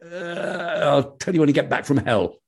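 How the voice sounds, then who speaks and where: A man voicing a boastful, flippant young man in a told folk tale, with a husky voice. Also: fairly high pitch, animated, normal speed. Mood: cocky. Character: cocky young man bound for hell.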